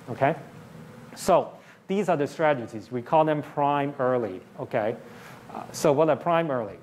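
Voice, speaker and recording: A man's voice: mid-range voice, a little mellow. Man, public lecture, explanatory, frequent "okay?", faint background noise. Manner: explains plainly, often checks in with "okay?". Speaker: professor giving a public lecture. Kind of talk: university public talk. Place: lecture hall.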